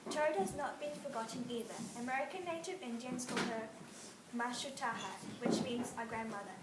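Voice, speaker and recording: A woman reading a myth aloud as a storybook narration in a clear, steady voice. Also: on the high side, moderate pace. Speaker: reader. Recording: roomy, distant mic, faint noise.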